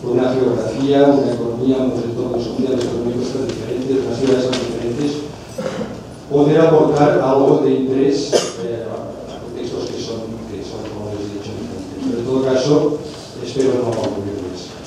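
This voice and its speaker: A man's voice: medium pitch, fairly even intonation. Catalan man lecturing in an echoey hall. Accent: Catalan Spanish. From Spain, Catalonia. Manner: measured, pausing and restarting phrases. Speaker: conference speaker. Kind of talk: conference lecture. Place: large conference hall. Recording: echoey hall from far off, noisy.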